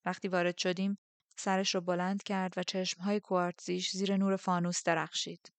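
Low-pitched woman narrator, steady subdued reading; dry, close. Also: no room sound. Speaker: audiobook narrator. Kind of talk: scripted first-person narration.

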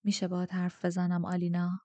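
A woman voicing a powerful, commanding man who speaks quietly and with control in an audiobook. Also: on the low side, steady tone, no room sound, close to an everyday voice. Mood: tense.

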